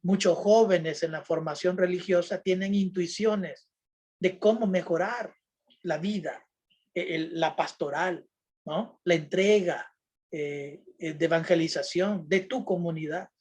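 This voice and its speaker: A man's voice: high-pitched, unhurried, darkish tone, breathy edge. A man giving a lecture on critical thinking to a religious group, checking in with his listeners through constant tag questions and plain everyday examples.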